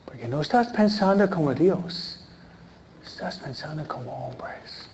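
A man's voice: fairly high pitch, animated, measured pace, darkish tone, dull audio, slight background noise. A man preaching a sermon in a conversational way, often asking his listeners questions. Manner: conversational, asks the audience questions.

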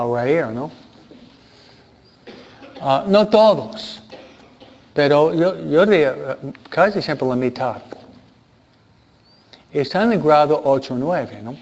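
A man who is a priest and teacher, giving an informal talk to a congregation in a halting way, restarting words and often ending points with questioning tags. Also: a little high, darkish tone. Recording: dull lo-fi recording.

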